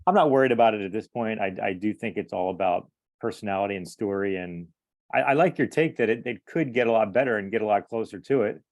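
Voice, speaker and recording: A man's voice: lowish voice, fast talker, darkish tone, no room sound. A man joining a casual discussion over a video call, easygoing and agreeable. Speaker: panel guest.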